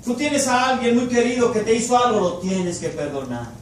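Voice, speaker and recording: A man's voice: very high voice, big pitch swings, normal speed. A man preaching a sermon in Spanish with an emphatic, repetitive cadence. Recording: echoey and distant with faint noise.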